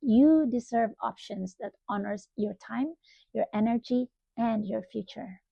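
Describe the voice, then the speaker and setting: A woman, a mother and database administrator, speaking in a measured, serious way in a testimonial. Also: a little high, vocal fry, warm tone, husky. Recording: dry, dull home-mic sound.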